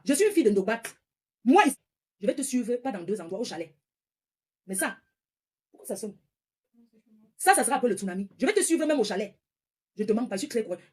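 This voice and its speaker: Her voice sits on the high side, darkish and breathy, as this livestreamer, a woman from northern France in her forties, launches a heated rant. She scolds and confronts, circling back over the same points repeatedly.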